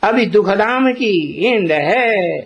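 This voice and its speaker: Slow, high-voiced man giving a spiritual talk. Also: lively intonation. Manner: deliberate, asks rhetorical questions. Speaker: spiritual teacher. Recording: dull lo-fi recording.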